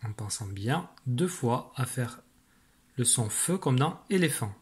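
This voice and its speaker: A man's voice: medium pitch, lively intonation, measured pace. A man teaching a children's dictation lesson, patiently spelling words syllable by syllable. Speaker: primary school teacher.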